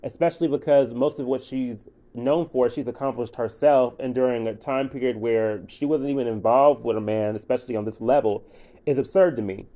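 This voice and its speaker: A man's voice: medium pitch, a little fast, mellow. A man hosting his own podcast, giving blunt, profane solo commentary in a casual, ranting way. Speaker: podcast host.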